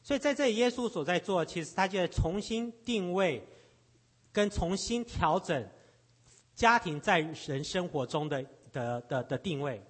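A husky, fairly high-voiced man interprets a sermon phrase by phrase. He halts and repeats words as he works out each line, keeping pace with the preacher. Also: expressive, moderate pace. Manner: hesitant, repeats words while searching for phrasing.

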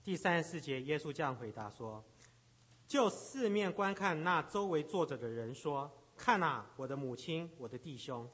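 A husky, fairly high-voiced man interprets a sermon phrase by phrase. He halts and repeats words as he works out each line, keeping pace with the preacher. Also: animated, moderate pace, fairly bright tone. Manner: hesitant, repeats words while searching for phrasing.

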